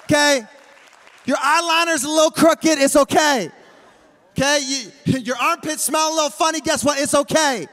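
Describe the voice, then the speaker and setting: Male pastor, 30s, high-pitched, animated slangy delivery, handheld mic, long hall reverb. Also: normal speed. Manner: animated, slangy, call-and-response with the crowd. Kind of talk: energetic sermon. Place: large church stage, indoors.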